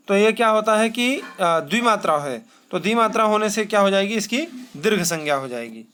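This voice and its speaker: A man. He chants verses slowly and poses questions that he then answers himself. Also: sits high, fairly bright tone. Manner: asks rhetorical questions and answers them himself. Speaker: Sanskrit teacher. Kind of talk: classroom lesson.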